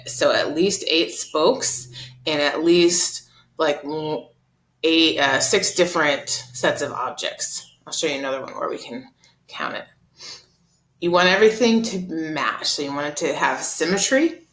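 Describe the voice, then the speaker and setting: A woman teaching an art lesson over slides, explaining in a relaxed, chatty way with frequent ums and uhs. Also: deep voice, a little slow. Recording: roomy echo.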